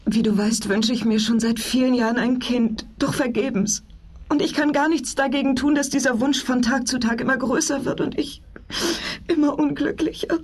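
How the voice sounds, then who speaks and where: A woman playing a humble, tender wife in an audio fairy tale, breathy and emotionally earnest. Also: high-pitched, moderate pace, a little mellow. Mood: sad, pleading. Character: pleading, humble childless wife, tender and grateful.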